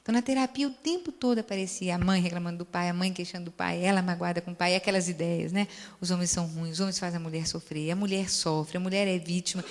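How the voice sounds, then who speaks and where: A woman's voice: on the low side, fast. A woman with a Brazilian accent, a therapist giving a lecture and telling case stories, who often acts out the dialogue and keeps checking in with "né?". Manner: lively storyteller, acts out dialogue, frequent "né?" tags. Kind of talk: lecture with anecdotes, audience Q&A. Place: lecture hall. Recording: long hall reverb.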